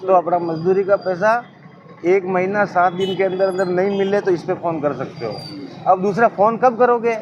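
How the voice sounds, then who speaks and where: A man's voice: sits high, moderate pace. A man, explaining a labour helpline to workers outdoors, patiently repeating himself. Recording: muffled, crowd noise.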